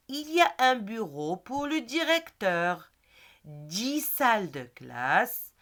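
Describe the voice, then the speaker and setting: A woman reading a schoolboy's lines from a textbook dialogue, clearly and deliberately. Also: fairly high pitch, a bit bright, full character voice. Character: cheerful schoolboy describing his school.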